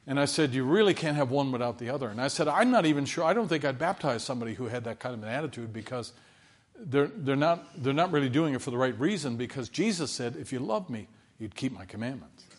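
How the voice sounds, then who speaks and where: A man preaching a sermon in a conversational way, often checking in with his listeners and swinging between loud emphasis and quiet asides. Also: medium pitch, animated, fast.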